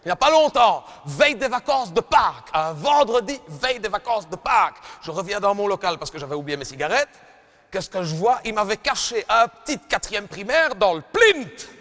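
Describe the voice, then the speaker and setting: A man playing a gruff male school gym teacher in a live stand-up sketch, grumbling and scolding his pupils. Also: high voice, sing-song, brisk, a bit bright. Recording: reverberant live arena recording.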